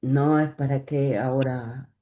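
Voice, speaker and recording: A woman giving a personal religious testimony in church. She speaks haltingly, stopping and repeating words as she goes. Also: rumbling low, fairly even intonation, narrow, tinny audio. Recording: echoey church room.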